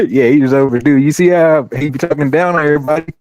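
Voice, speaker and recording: A man's voice: a little high, quick pace, a crowd in the background. A man on a livestream panel, talking in an easygoing, slangy way and laughing along. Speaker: panel caller. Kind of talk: casual chat.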